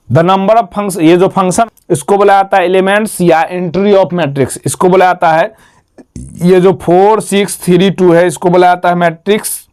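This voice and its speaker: A man with a high, smooth, darkish voice teaches a math lesson. He repeats each term and quizzes himself, asking questions and then answering them.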